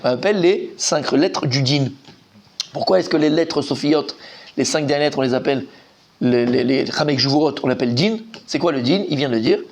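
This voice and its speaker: Rabbi teaching a casual talmud class, kinda high voice, keeps asking students questions. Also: male voice, normal speed. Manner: lively, animated, asks students questions, repeats himself.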